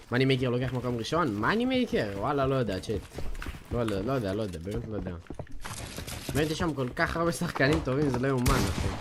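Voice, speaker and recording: An eighteen-year-old man from Israel, streaming a game and chatting casually with his viewers in an excited, slangy way. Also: medium pitch. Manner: slangy, excitable, keeps calling out to chat and players. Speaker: gaming streamer. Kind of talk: casual livestream chat while playing. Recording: noisy stream audio with clicks.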